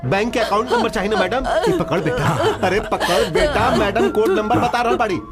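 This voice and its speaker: A man's voice: sits high, very animated, fairly quick. An amateur actor playing a cruel, mocking male gang boss who taunts and threatens. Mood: gloating. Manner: taunting, gloating. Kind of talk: amateur spoof film acting. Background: background music.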